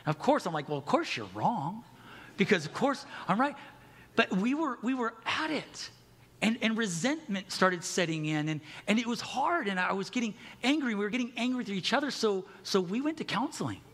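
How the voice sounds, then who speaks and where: A man's voice: high voice, sing-song, fairly quick, fairly bright tone, big-room sound. A middle-aged man preaching a sermon as pastor, candid and conversational, with self-deprecating humor.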